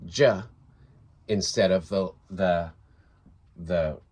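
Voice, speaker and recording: Slow, low-voiced man explaining. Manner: unscripted, with restarts and fillers. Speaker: teacher. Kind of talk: casual explainer video lesson.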